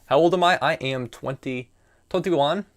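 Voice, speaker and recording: A young American man in his early twenties streams chess and narrates live, thinking aloud about his moves and answering chat in a casual, musing way. His voice sits on the high side, and he talks at a moderate pace.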